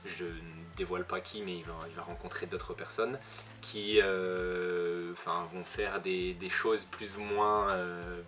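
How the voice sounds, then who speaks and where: A man's voice: low-pitched, flat delivery, unhurried, pushed and bright. A man giving a casual spoken review as a manga reviewer, chatty, with frequent hesitations and self-corrections.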